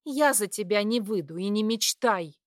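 A woman's voice: medium pitch, animated, normal speed, no echo, clean studio sound, lightly acted. A young woman voicing a defiant female student who answers back in heated, raised bursts. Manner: heated, raised, sharp outbursts.

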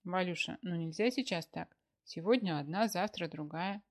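A man's voice: high voice, normal speed. A woman voicing a blustering old husband. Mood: indignant. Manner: folksy, exclamatory. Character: blustering older husband, boastful and fond.

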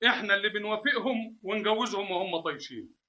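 A reasoning Egyptian father in a radio drama. His voice is high and very bright, and his talk measured and persuasive. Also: expressive, full character voice. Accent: Egyptian Arabic. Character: Amal's father, a patient, reasoning older man.

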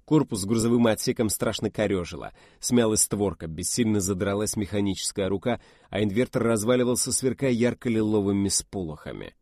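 A man narrating a science-fiction audiobook in a dramatic, measured way. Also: fairly low pitch, mellow, dry recording, clean studio sound.

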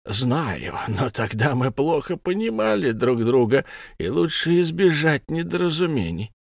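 A man's voice: fairly high pitch, very animated, unhurried, gravelly, dry recording, clean studio sound, voice pushed up, full character voice. A man voicing a smug, menacing humanoid alien interrogator who lisps, in an audiobook. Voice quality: lisping. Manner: mocking, condescending questioning. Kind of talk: audiobook character voice.

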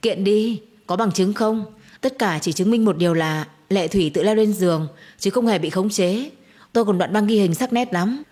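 A cold, manipulative young man, read by a woman narrator, speaking calmly and smugly in an even tone. The husky, breathy voice stays flat and unbothered. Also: mid-range voice, moderate pace, close to an everyday voice. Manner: calm, smug, flat.

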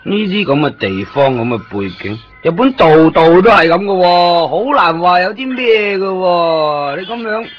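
In a 1990s radio drama, an actor with a Hong Kong Cantonese accent plays a chatty Hong Kong man living in Japan who fusses over and coaxes a friend like a fussy guide. His voice is high-pitched and lively, at a moderate pace with hardly any pauses. The broadcast sounds dull and lo-fi, with music.

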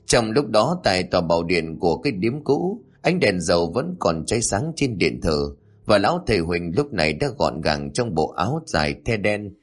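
A man narrating a scripted horror story in a dramatic, measured way. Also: fairly low pitch.

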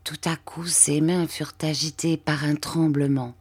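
A woman reads a classic novel aloud in a low, steady voice. She tells the story at an even, measured pace, in the manner of an audiobook. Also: slightly rough. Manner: measured storytelling, lifting her voice for quoted characters. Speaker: audiobook reader.

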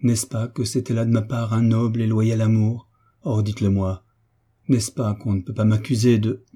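A man's voice: fairly low pitch, level tone, normal speed, warm tone, natural voice. A man voicing a proud, grieving young orphan woman in an audiobook, pleading through tears. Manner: sorrowful, tearful pleading. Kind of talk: audiobook reading.

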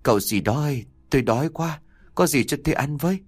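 A man's voice: on the high side, expressive, quick pace, no echo, pitched above the performer's own voice. A man voicing a frail elderly beggar woman who pleads thinly for food. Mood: pleading.

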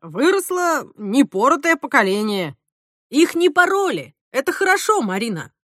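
A woman's voice: high-pitched, sing-song, moderate pace, a bit bright, dry recording, studio quality, voice pushed up. A woman voicing a mild middle-aged man with a wry, easygoing manner in an audiobook. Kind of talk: audiobook character reading.

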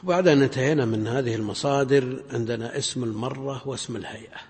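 A man teaching grammar in a mid-pitched voice. He speaks slowly and deliberately and repeats each word form. His voice rings with the long reverb of a large lecture hall. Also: a little mellow. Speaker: Islamic scholar teaching grammar. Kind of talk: classroom explanation of a grammar poem.

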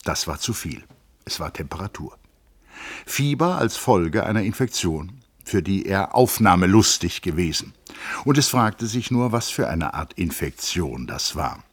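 Low, husky man reading a novel. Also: no echo. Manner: measured, expressive storytelling. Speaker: audiobook reader. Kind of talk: literary audiobook narration.

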